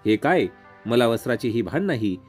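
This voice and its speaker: A man voicing a grieving young queen lost in a forest, speaking softly in a pleading, lamenting way. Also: mid-range voice, very animated, moderate pace, slightly rough, soft background music.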